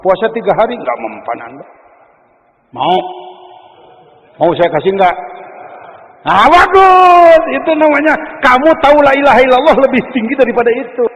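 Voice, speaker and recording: A man with a Sundanese accent preaching a sermon, dramatic, swinging between loud exhortation and hushed asides. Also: extremely high pitch, lively intonation, a little fast, pauses often, long reverb tail, poor audio. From West Java, Indonesia.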